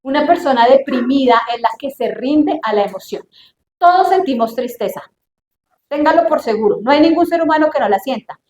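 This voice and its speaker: High-voiced woman preaching. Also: brisk, roomy sound, a little hiss or hum. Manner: animated, asks the audience questions, acts out quoted voices. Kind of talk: sermon.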